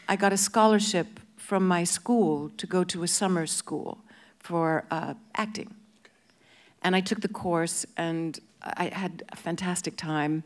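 A woman in her fifties, a guest actress in an on-stage interview, talking with handheld mic and hesitant restarts. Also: on the low side. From born in England, grew up in Canada. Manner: hesitant, many restarts and fillers. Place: large festival stage before an audience.

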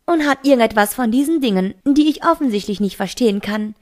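Woman reading as a teen boy grilling his friend, pointed and pushy, slightly high voice. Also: animated, brisk, close to an everyday voice. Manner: insistent, pointed questioning. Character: teenage boy, probing, confronting friend. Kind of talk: amateur audiobook reading.

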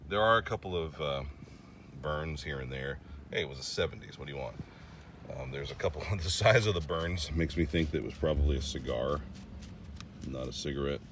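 Outdoors beside an old car, a vlogger who covers classic cars talks through a casual walkaround in a very deep voice. There's noise in the background, and his chatty narration wanders, broken up by fillers and fresh starts.

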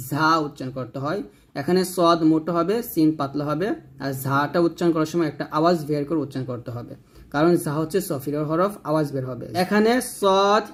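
A man, teaching Quran reading slowly, drawing out each letter name and then explaining how it is said. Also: on the high side. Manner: drawn-out letter names, then plain explaining. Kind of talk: slow step-by-step recitation lesson.

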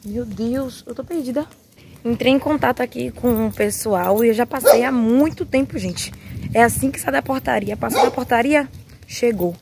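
A young woman chatting excitedly in a casual vlog, often dropping to whispered asides, filmed on a handheld phone as she walks outdoors and through a big house. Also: a little high, moderate pace, creaky, background noise. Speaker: vlogger. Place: outdoors walking a street, then inside a large house.

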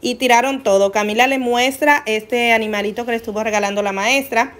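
A woman chatting excitedly to her viewers in a casual vlog, filmed on a handheld phone as she moves around outside and at home. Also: on the high side, brisk. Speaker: vlogger, mother.

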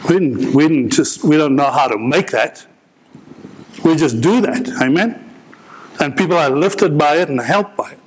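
Middle-aged male pastor, earnest sermon, halting restarts, repeats lines for emphasis. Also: fairly high pitch, breathy edge, rough recording. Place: large indoor church hall.

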